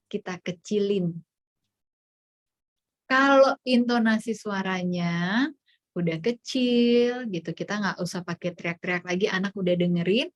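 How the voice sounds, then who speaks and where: A woman psychologist giving an online parenting workshop, explaining in a chatty way and acting out what a parent might say. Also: medium pitch. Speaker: child psychologist speaker.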